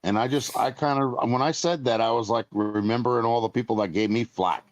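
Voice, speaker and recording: A man's voice: medium pitch, a little fast, no room sound, highs cut off. A man in his fifties chatting casually on a live stream, talking in a rambling, blunt way with some mild cursing. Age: 50s.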